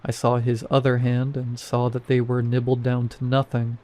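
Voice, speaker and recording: A man reads scripted horror fiction in a steady, unhurried way. His voice sits at an ordinary middle pitch. The telling stays even and measured throughout. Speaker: horror story narrator.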